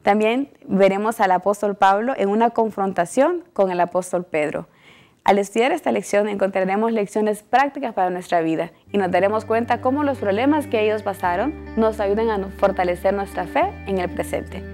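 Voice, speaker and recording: A woman hosts a Bible study program in a TV studio. She greets her guests warmly and keeps the talk moving with questions. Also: medium pitch, moderate pace, faint music behind. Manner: welcoming, asks questions to guests. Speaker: host.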